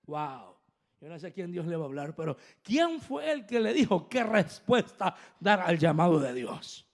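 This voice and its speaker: Man, sermon, high voice, gravelly edge, fervent preaching, speaks directly to the congregation. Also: very animated, normal speed. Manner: fervent preaching that swings between soft asides and loud emphatic passages; addresses the congregation directly, asking them to repeat after him. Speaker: apostle preaching.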